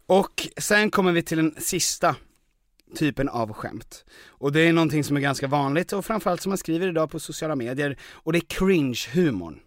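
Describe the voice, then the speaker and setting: A man hosting a podcast who walks through categories in an explaining tone, with the odd filler. His voice sits a bit high. The sound is close and dry, with no room echo. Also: expressive. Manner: lecturing, lists categories with fillers. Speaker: podcast host. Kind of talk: casual explanatory chat.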